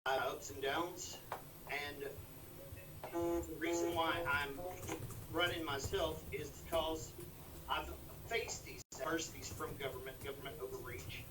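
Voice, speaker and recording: A man's voice: on the high side, fairly even intonation. Brief: man, candidate on a bad connection, voice dropping in and out, distant and echoey, noisy line. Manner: halting, earnest, plain-spoken. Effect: bad internet connection, voice cutting in and out. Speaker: congressional candidate. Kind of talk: debate opening statement. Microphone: video call.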